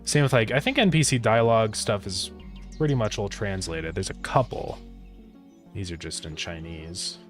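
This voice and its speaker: A man developing a game on a live stream, thinking aloud in a relaxed way and answering chat with fillers. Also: fairly low pitch, normal speed, soft background music. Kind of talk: casual live-stream chat while coding.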